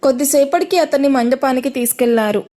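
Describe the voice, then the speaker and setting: Brief: higher-pitched woman, storyteller reading a serialized romance aloud, one voice for all the characters. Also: fast, mellow. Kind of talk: scripted audio-story narration.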